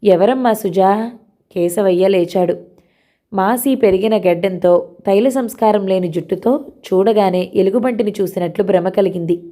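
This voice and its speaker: A woman narrating a novel in a steady, unhurried reading voice. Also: mid-range voice.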